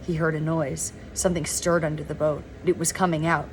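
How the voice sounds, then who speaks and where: A woman reading a novel aloud in a relaxed, informal way, now and then stumbling over words and correcting herself. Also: sits low, fairly quick, a little hiss or hum. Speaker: reader of a novel. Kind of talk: informal read-aloud narration.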